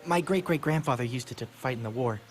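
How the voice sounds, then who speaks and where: A man voicing an awkward, goofy teenage boy in an animated series, hesitant and bumbling as he tries to seem cool. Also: mid-range voice, quick pace, close to an everyday voice. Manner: hesitant, bumbling, self-deprecating. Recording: background music behind dialogue.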